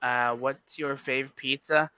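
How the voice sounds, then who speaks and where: On a casual livestream, a man rambles to his viewers, frequently self-correcting mid-sentence and addressing chat directly. He speaks slowly in a mid-range, pushed and bright voice with fairly even intonation and a clean tone, and there's no echo.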